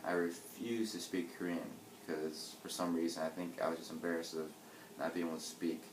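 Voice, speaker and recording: This time the American interviewee, a man in his twenties with a very low voice, talks fairly quickly. Still reflective and hesitant, he leans on fillers and restarts as he gives casual answers. A steady hum sits beneath his voice, which bounces around the roomy space.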